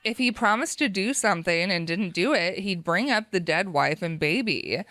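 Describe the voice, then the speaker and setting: An American woman reading breakup stories aloud on a talk show and reacting with animated laughs. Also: fairly low pitch, moderate pace, no echo, studio quality.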